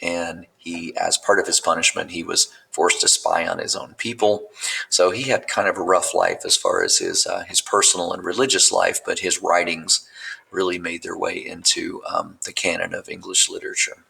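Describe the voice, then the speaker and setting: A man's voice: low-pitched, moderate pace, vocal fry, husky, poor audio. A male teacher giving a recorded lecture, talking in a loose, meandering way with many fillers and restarts. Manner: relaxed, meandering delivery with frequent fillers and restarts.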